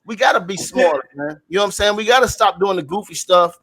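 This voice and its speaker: This co-host's voice is high-pitched, expressive, and a bit bright, and he talks fast. Ranting casually to his co-hosts and the audience in street talk, he repeats himself, preaches, and swears mildly again and again.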